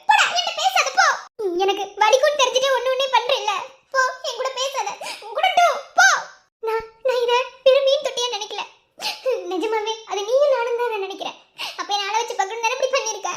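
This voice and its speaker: A woman's voice: fast, hardly any pauses, heavy background noise. A woman voicing a fiery, emotional young woman in a cartoon, speaking with a Madurai Tamil accent and scolding through tears. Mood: hurt scolding. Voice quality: very high, squeaky cartoon voice. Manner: teary, scolding, sulky. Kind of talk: animated cartoon dialogue.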